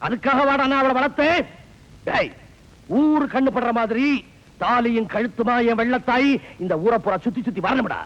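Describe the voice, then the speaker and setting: An actor playing a stern, proud old village patriarch who booms out commands and turns gentle. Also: male voice, moderate pace. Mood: commanding. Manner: booming and commanding, softening to gentle. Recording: dull lo-fi film soundtrack with music.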